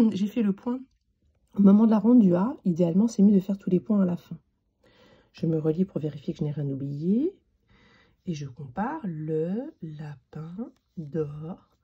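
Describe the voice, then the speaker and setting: A woman teacher giving a slow, patient handwriting lesson to young children, spelling out each letter as she writes. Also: medium pitch, breathy edge, highs cut off.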